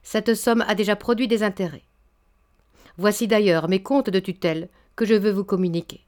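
A woman's voice: medium pitch, fairly quick, a little mellow, natural voice. Storybook old baron, proud and stern, scolding; woman reader performs him. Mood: cold, businesslike. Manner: indignant, stammering then thundering.

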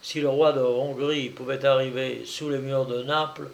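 A man narrating a historical novel in a measured, dramatic storytelling manner. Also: mid-range voice, little pitch movement, creaky.

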